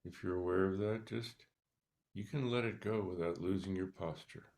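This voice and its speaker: A man leading a guided meditation, speaking softly and calmly with long pauses between short instructions. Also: deep voice. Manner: slow, calm, soft-spoken instructions with pauses. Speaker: meditation teacher.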